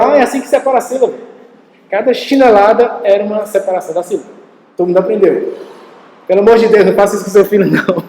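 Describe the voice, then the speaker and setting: Male pastor, Brazilian accent, high voice, animated sermon delivery, echoey church hall. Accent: Brazilian Portuguese. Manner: animated storytelling preacher, addresses congregation directly.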